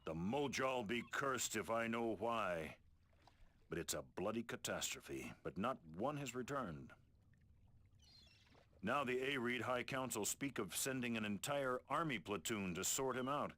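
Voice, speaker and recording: An actor playing a sardonic, exasperated merchant sailor in a video game, grumbling and mocking. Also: male voice, medium pitch, expressive, a little slow, bright, forceful tone. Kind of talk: video game character acting.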